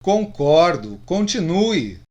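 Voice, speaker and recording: In radio drama style, a man gives a full character voice to a middle-aged Brazilian friend who is a little drunk and thoughtful, speaking plainly and confidingly with a goading edge. His voice is slightly higher than most men's, with a darkish tone, and he takes it slowly in a sing-song way.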